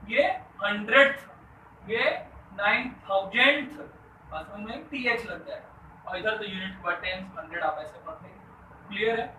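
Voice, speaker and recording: A man's voice: high-pitched, normal speed, pushed and bright. A man teaching a school math lesson, asking the class questions and answering them himself, mixing English math terms into his talk. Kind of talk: classroom lesson explaining to students. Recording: echoey room, voice a bit distant from the mic, faint background noise.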